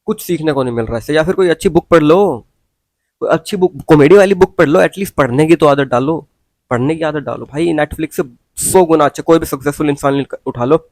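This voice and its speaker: A man's voice: a little high, fairly quick, a little mellow, no room sound. Blunt, preachy young man. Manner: blunt, preachy, mixes English phrases and slang. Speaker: vlogger. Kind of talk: casual opinion rant.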